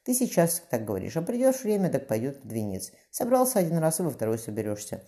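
Cruel commanding young tsar, read by a man, brisk, dark timbre. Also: fairly high pitch, wildly swooping pitch, pitched above the performer's own voice. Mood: tender.

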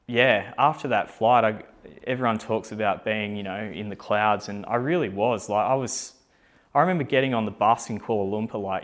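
A young man, a company founder, telling a personal story in a casual, candid way, with plenty of fillers and self-deprecating asides. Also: on the low side.

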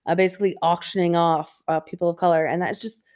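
Low-voiced woman who struggles with her R's. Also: fairly even intonation, quick pace, darkish tone. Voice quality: trouble saying R sounds. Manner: informal, self-deprecating, mild swearing. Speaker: podcast co-host. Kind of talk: casual podcast chat.

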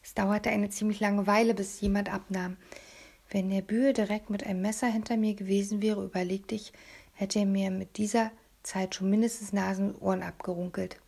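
Husky, gravelly woman narrating an audiobook. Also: medium pitch, level tone, moderate pace. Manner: hushed, often half-whispered, confiding. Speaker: audiobook reader. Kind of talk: first-person audiobook narration.

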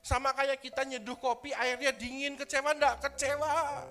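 A man preaching as pastor at a church service, animated and full of rhetorical questions and sound effects. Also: very high voice, moderate pace, faint music behind. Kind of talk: sermon.

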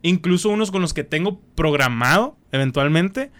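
A man's voice: a little high, animated, moderate pace, fairly bright tone. A young Mexican man hosting a podcast, telling rambling stories full of slang and acting out what people said. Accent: Mexican Spanish. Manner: slangy, rambling storyteller, acts out quotes. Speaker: podcast host. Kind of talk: casual chat.

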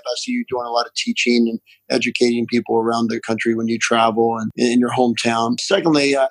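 A man's voice: medium pitch, gravelly, no echo, rough recording. A middle-aged man with an Appalachian accent, a doctor answering interview questions conversationally. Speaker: pain physician, interview guest.

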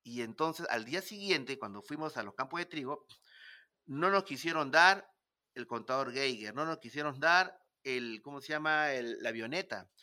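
A Peruvian man recounts an adventure in casual conversation and acts out each exchange as he goes. His voice is bright and sharp, and his pitch swings widely. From Peru. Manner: animated, dramatic storytelling with acted-out dialogue. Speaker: guest storyteller. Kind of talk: casual storytelling interview.

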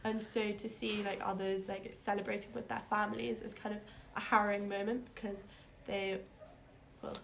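A teenage girl from Poland speaks as a podcast guest. She is reflective and soft-spoken, with a mid-range pitch. Faint room ambience sits behind her. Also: level tone, moderate pace, gravelly, a little hiss or hum, poor audio. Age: teens. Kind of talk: casual chat.

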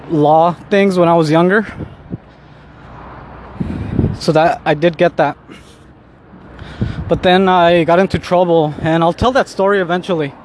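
With a fairly high-pitched voice, a Mexican-born vlogger raised in Southern California, now in his thirties, chats to himself on the street on his way home. His talk is loose and rambling, full of fillers and restarts, and self-deprecating. Faint street ambience and traffic can be heard.

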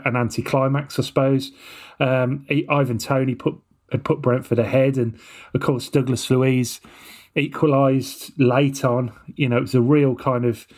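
A man's voice: mid-range voice, a little mellow. A man hosting a football podcast in a casual, conversational style. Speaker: podcast host.

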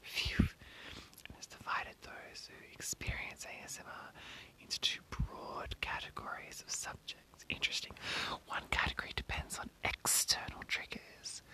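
An ASMR host speaking entirely in a breathy whisper, reading an article aloud and adding informal, rambling asides. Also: poor audio. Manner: informal, rambling, self-commenting.

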